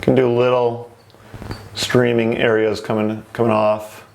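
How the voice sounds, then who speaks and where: A man's voice: medium pitch, little pitch movement, measured pace, creaky, a little mellow, slight background noise, rough recording. A man giving an informal painting lesson in the manner of a TV painting instructor, talking through each step as he works. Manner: informal, narrates each step while working.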